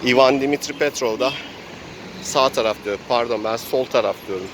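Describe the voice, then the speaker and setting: At a moderate pace and medium pitch, a man runs an improvised tabletop game, narrating the adventure theatrically as game master. The recording was made outdoors, with noisy traffic audible.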